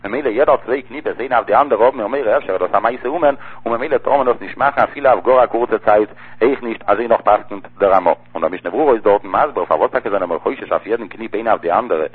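A man with a husky, somewhat low voice races through a religious law lesson, repeatedly returning to key phrases as he explains. It's a text-study lesson, and the audio is thin and tinny, like a phone line.

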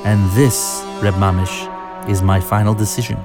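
A man voicing a humble, gentle bagel maker in a children's story, speaking softly and hesitantly with Yiddish touches. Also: on the low side, flat delivery, unhurried, music in the background. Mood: apologetic. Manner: soft, hesitant, Yiddish-flavored.

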